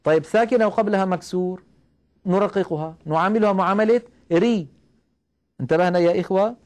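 A man teaching the rules of Quran recitation, explaining each rule step by step, asking his listeners questions and reciting verses slowly as examples. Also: sits high, darkish tone. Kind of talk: recorded tajweed lesson.

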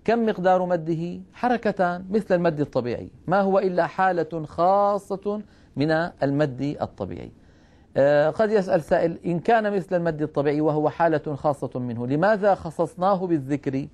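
A man explains recitation rules in a steady, measured teaching voice. His voice sits a little high for a man, and he slowly stretches out example sounds as he demonstrates them. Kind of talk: televised religious lesson.

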